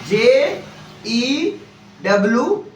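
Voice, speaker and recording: A man teaching a class, spelling words out letter by letter and often asking the students if it is clear. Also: extremely high pitch, sing-song, very slow, slight background noise. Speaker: English teacher. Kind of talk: classroom lesson with call and response. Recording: roomy classroom audio from a distance.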